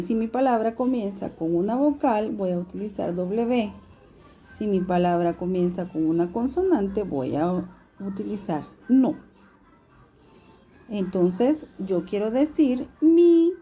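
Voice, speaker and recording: A woman teaches a recorded video lesson in a mid-range, husky voice with a very dark, mellow tone. She speaks slowly, patiently, and steadily, posing questions to her students as she explains.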